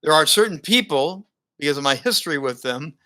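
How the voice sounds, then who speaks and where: A slightly high, slightly fast voice belongs to a middle-aged broadcaster and keynote speaker. As a guest in a casual interview, he tells stories with energy and laughs often.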